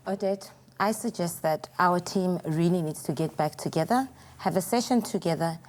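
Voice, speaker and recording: Firm woman, lowish voice. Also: a little mellow. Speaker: talent show contestant.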